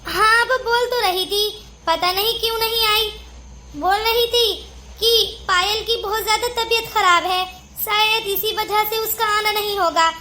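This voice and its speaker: A woman voicing a proud, quick-tempered young wife in a cartoon story. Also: very high-pitched, fairly even intonation, a little hiss or hum, full character voice. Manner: sharp, indignant retorts. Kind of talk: cartoon voice acting.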